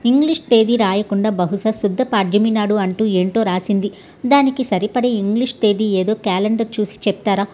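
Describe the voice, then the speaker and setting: A woman's voice: mid-range voice, a little fast, mellow, close to an everyday voice. A woman voicing a young male lodger and suitor who speaks politely to his would-be father-in-law, in a storybook reading.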